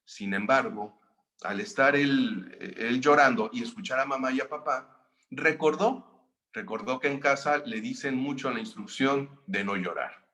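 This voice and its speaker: A man with a Mexican accent, a seminar facilitator, calmly narrating a story to explain a lesson. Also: medium pitch, unhurried. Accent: Mexican Spanish. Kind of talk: storytelling lecture.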